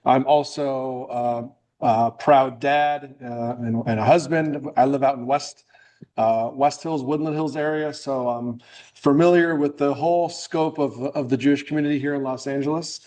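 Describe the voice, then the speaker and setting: A man's voice: mid-range voice, steady tone, normal speed, a little mellow. A middle-aged man from New England giving a friendly, joking talk at a club meeting, loose and full of restarts. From New England, USA. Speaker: guest speaker. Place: meeting room.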